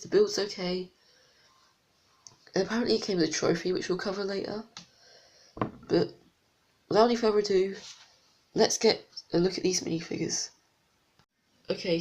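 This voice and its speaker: A reviewer with a stuffy, congested nose talks casually through a toy set in a product review vlog, wandering into unsure, rambling asides. The voice is medium in pitch with a darkish tone.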